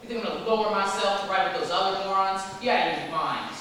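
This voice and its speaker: An actress playing a surly, restless young male diner cook who grumbles sarcastically and bursts into shouts, performing on a theatre stage. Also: mid-range voice, fast, close to an everyday voice. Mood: shouting. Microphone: distant room mic. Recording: echoey hall from far off, faint hiss.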